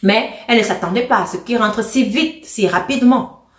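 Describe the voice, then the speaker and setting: A woman telling a personal testimony in the first person, halting and earnest, often repeating words and restarting. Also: fairly high pitch. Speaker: storyteller sharing a personal testimony. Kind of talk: first-person life story narration. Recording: roomy, echoey room sound.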